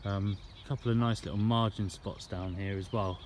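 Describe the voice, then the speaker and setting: A man's voice: fairly low pitch, fairly even intonation, moderate pace, a little mellow. A man talking casually to camera in a laid-back, slangy way, as a fishing vlogger. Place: outdoors at a fishing lake. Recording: outdoor ambience and background noise.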